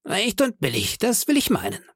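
A cunning older pirate chief snarls and mocks his men in a raised, gravelly voice, as a male reader puts him on. The sound is dry and close, with no room around it. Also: high voice, wildly swooping pitch, normal speed, a bit bright, no room sound, voice pushed up, exaggerated voice. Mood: threatening. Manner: scornful, threatening.

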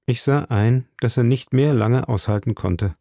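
A man giving scripted audiobook narration in a measured, dramatic first-person manner. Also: medium pitch, gravelly, dark tone, no room sound, clean studio sound.

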